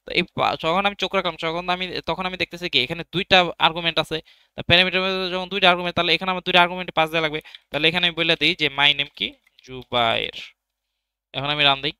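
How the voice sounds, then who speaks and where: A man's voice: a little high, steady tone, very fast, bright, forceful tone, clear, resonant tone, no echo. A young man teaching programming in a casual tutorial, thinking aloud as he types and answering his own questions. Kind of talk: casual screen-recorded coding tutorial.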